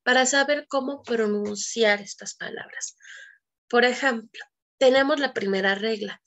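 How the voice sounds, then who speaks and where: A woman teaching English grammar in a pre-recorded lesson, explaining slowly and drilling English words one at a time, with Spanish as her first language. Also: a little high, a bit bright.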